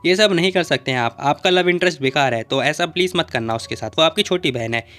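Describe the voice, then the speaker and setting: A man's voice: on the high side, fast, a bit bright, faint music behind, lightly acted. A man doing a cheeky magic system sidekick. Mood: teasing.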